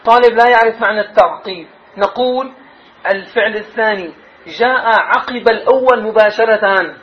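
Male teacher, fairly high voice, quizzes the class, slightly dull recording. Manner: questioning, drawn-out emphasis on key words. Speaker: Arabic grammar and rhetoric teacher. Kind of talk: classroom lesson. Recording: slightly dull sound, faint noise.

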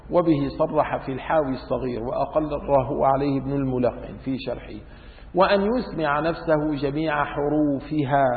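A man teaching a religious lesson, lively and demonstrative with wry asides. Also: fairly high pitch. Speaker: teacher of Islamic law. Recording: tinny phone-like sound in echoey hall.

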